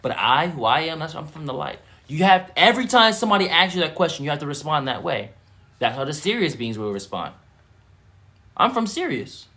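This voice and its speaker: A man's voice: fairly high pitch, big pitch swings, fairly quick, bright, forceful tone. A man giving a live-streamed spiritual teaching, repeating himself and rising into emphatic bursts.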